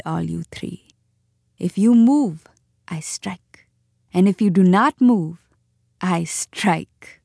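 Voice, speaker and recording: A woman voicing a menacing, vengeful female cobra with a slow, hissing delivery in a storybook reading. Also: medium pitch, dark tone, no echo, studio quality.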